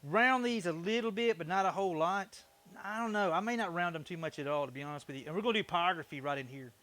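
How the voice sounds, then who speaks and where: A man's voice: high-pitched, quick pace, a bit bright, no echo. A man with a Southern US accent hosting a woodworking livestream, chatting in an easygoing, folksy way with viewers while he works. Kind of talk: casual livestream chat while working.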